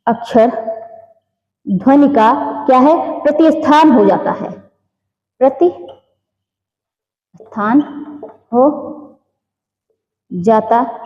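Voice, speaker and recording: High-voiced woman teacher, slow dictation. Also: reverberant, big-room sound, lo-fi sound. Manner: dictating slowly word by word, repeating phrases, asking rhetorical questions. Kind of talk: lecture for exam coaching.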